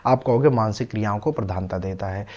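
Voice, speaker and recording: A man's voice: on the low side, fast talker, dark tone, lo-fi sound. A male teacher giving an exam-prep lecture, who explains patiently and poses questions that he answers himself.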